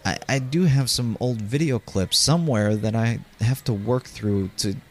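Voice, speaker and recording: A man's voice: mid-range voice, moderate pace. A man hosting a podcast, narrating personal memories in a conversational way and speaking directly to his listeners. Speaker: podcast host.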